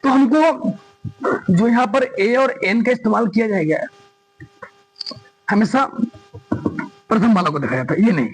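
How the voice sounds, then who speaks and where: A man's voice: sits high, lively intonation, unhurried, pauses often, slightly rough, faint music behind, rough recording. A man teaching grammar, stressing his points with repetition and asking his students questions as he goes. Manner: emphatic, repeats points and quizzes students. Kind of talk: classroom lesson explaining grammar.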